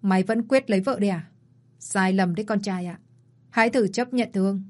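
A warm-hearted old grandfather from a storybook, voiced by a woman narrator. He pleads with his son and scolds him in turn, always sounding worried. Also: medium pitch, moderate pace, close to an everyday voice. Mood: pleading. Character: worried, kindly older father and grandfather.

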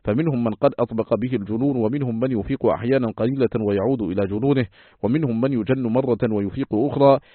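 A man reading a classical text aloud as an audiobook, in a formal, measured recitation style. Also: medium pitch, dry recording. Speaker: audiobook reader. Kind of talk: scripted narration of a classical text. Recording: tinny phone-like, dry, husky.

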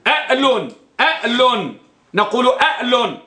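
A man's voice: very high voice, big pitch swings, measured pace, sharp tone. Man, religious teacher, classroom lecture, repeats key phrases, echoey room. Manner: asks the class questions and answers them himself. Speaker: Islamic studies teacher. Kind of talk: classroom lecture on a hadith text.

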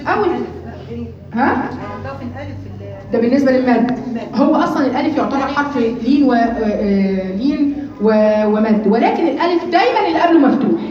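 Egyptian woman teacher, high and quick, quizzing the class, mic far off in a booming room. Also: a crowd in the background. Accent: Egyptian Arabic. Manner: lively, asks the class questions and answers them; draws out key terms slowly. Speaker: Quran recitation teacher. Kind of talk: live classroom lesson. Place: classroom with women students. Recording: echoey room, voice from across the room, muffled. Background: chattering students.

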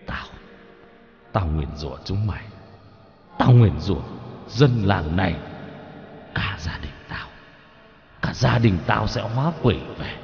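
A man voicing a dying, starving father who whispers and rasps a vengeful curse in a spoken ghost story. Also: fairly low pitch, big-room sound, lo-fi sound.

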